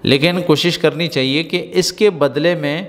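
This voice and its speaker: A man's voice: a little high, steady tone. Patient male teacher in a reverberant room. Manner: patient, repetitive explaining with frequent "right?" checks. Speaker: Arabic teacher. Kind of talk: spoken Arabic lesson explained in Urdu. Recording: long hall reverb.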